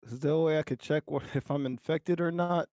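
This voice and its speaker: A man's voice: on the high side, fairly quick, darkish tone, no echo, studio quality. A man playing in a tabletop game, out of breath, laughing and self-deprecating. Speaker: player.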